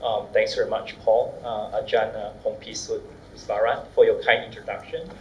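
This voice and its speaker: Male panel speaker, Malaysian accent, courteous and measured with halting phrasing; echoey room, faint background noise. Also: on the low side, little pitch movement, highs cut off. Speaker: academic panelist. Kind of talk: semi-formal panel presentation.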